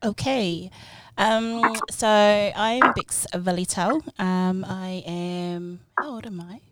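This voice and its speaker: A woman's voice: mid-range voice, slow pace, very noisy. Cheerful New Zealand woman in her thirties. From South Auckland, New Zealand. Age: 30s. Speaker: podcast guest. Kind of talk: casual podcast chat.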